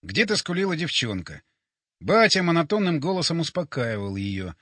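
Animated male audiobook narrator. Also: a little high, moderate pace, no echo. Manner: expressive, animated storytelling. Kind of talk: first-person sci-fi audiobook narration.

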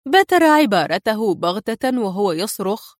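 Lady reading a thriller audiobook, very expressive, swoops around, dry sound. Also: mid-range voice, unhurried, no room sound. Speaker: narrator. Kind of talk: audiobook narration.

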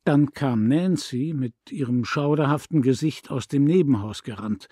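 Calm man reading an audiobook. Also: medium pitch, slightly rough, no room sound. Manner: calm, measured, reflective. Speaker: audiobook reader. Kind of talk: scripted narration. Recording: dry close studio recording.

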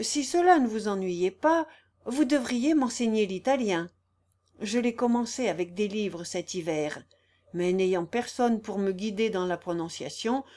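A woman's voice: a little high, a little mellow. A woman voicing an ardent shy young man. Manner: ardent, emotional. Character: shy, eager young male musician.

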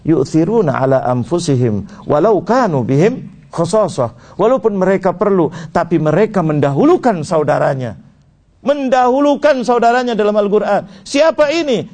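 A man preaching a sermon, asking his audience questions and swinging between high exclaims and low murmurs. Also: a little mellow.

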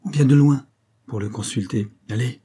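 A man's voice: mid-range voice, normal speed, mellow, breathy edge, lightly acted. A man voicing a chatty, gullible woman concierge who gossips effusively. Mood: gossipy.

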